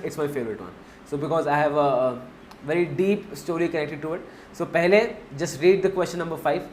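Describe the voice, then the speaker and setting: A man's voice: a little high, a little mellow, roomy sound, a little hiss or hum. A man with an Indian accent teaching a finance class, mixing Hindi into his English, repeating key points and asking the class questions.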